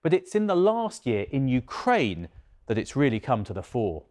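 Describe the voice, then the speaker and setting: A man's voice: mid-range voice, huge pitch swings, moderate pace, a little mellow, no echo, studio quality. A man narrating a scripted news report as a correspondent. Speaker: security correspondent.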